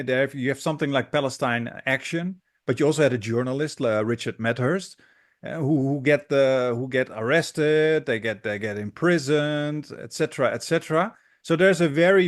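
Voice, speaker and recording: A man in his thirties from the Netherlands, hosting a political interview, passionate but halting with frequent restarts. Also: mid-range voice. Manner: hesitant, many restarts, impassioned. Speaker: interview host, academic.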